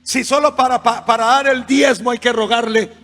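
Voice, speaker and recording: High-voiced preaching man in a hall. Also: fairly even intonation, moderate pace. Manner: impassioned preaching with swings between shouting and quiet. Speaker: pastor. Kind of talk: sermon. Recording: music underneath, long reverb hall.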